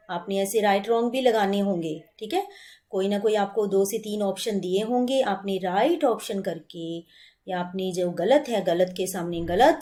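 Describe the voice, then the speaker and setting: A woman's voice: medium pitch, darkish tone. A woman teacher giving a revision lesson to children, asking questions and answering them herself, patiently stretching out words to model them. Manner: slow, patient, drawn-out word modelling; coaxing, asks and answers own questions.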